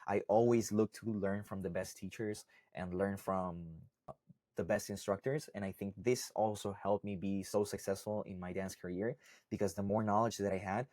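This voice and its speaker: Low-voiced Costa Rican man explaining casually. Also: steady tone, moderate pace, a little mellow, no room sound, studio quality. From Costa Rica. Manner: conversational, often ends points with "right?" and "okay?". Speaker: salsa instructor. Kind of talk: casual explainer talk to camera.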